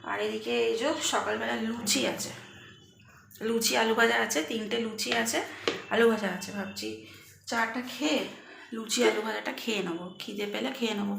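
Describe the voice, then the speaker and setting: A Bengali woman in her thirties chats casually with her viewers while cooking and cleaning in her home kitchen. Her fairly high voice is steady, gravelly and a bit bright, at normal speed. The room is echoey, with slight background noise.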